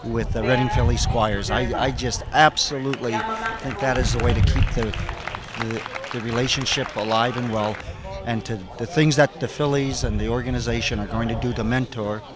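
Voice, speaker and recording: A man's voice: mid-range voice, fairly even intonation, normal speed, a loud crowd. A middle-aged man speaking earnestly in an outdoor interview at a ballpark, often repeating words as he searches for them. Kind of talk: casual interview answers. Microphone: handheld reporter mic.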